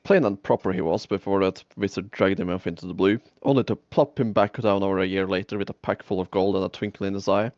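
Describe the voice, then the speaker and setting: A man's voice: low-pitched, steady tone, fast talker, hardly any pauses, a little mellow, no echo, muffled recording, lightly acted. A man doing a folksy older male hobbit. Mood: determined. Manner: folksy, determined storyteller.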